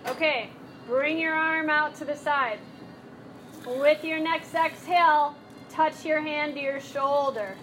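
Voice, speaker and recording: Casting: woman yoga instructor, high voice, slow unhurried cues, live class with faint room hum. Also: steady tone, fairly bright tone. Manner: encouraging, playful cueing of breath and movement.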